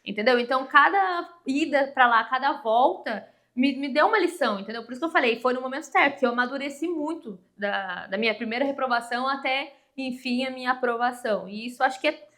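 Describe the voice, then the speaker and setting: A Brazilian woman in her thirties, a guest on a podcast, tells a personal story and acts out the voices of the people in it. She is animated, with a voice that sits high and a quick pace.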